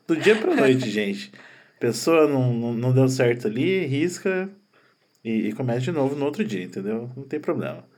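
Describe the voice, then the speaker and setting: A man's voice: mid-range voice, big pitch swings, normal speed, a little mellow. A man in casual podcast chat, speaking playfully and laughing often.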